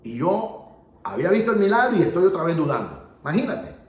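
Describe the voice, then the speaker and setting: A man preaches like an evangelist, telling his story with a lively, swooping voice that sits a little high. He laughs at himself as he goes. The sound carries the echo of a roomy hall. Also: brisk. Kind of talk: sermon testimony teaching.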